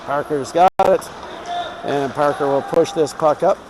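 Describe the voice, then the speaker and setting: A man's voice: a little high, measured pace. A man giving informal, home-team live play-by-play commentary on youth hockey. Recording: clear rink noise behind.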